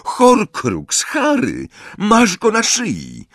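A man voicing a clever, bossy teenage girl witch who talks briskly and impatiently. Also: mid-range voice, very animated, dry recording, clean studio sound, pitched above the performer's own voice. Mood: urgent, impatient.

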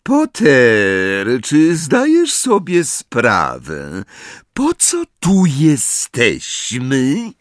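A man reading an audiobook, voicing a cold, menacing male professor who speaks quietly and slowly. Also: mid-range voice, huge pitch swings, no echo, clean studio sound, voice pushed up, heavily acted. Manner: quiet, slow, threatening, sneering.

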